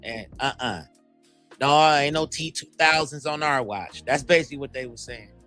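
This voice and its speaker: Bright-voiced playful man co-host. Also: medium pitch, moderate pace, faint music behind. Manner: playful storytelling with mock quotes and slang. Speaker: podcast co-host. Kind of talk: casual panel chat.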